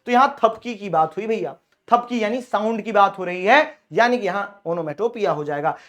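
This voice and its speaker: A male teacher with a Hindi accent talks through an exam-prep grammar lesson in a fairly high voice. He explains points in Hindi and calls his students "bhaiya". When he reaches the English examples he reads them out slowly. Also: a bit bright.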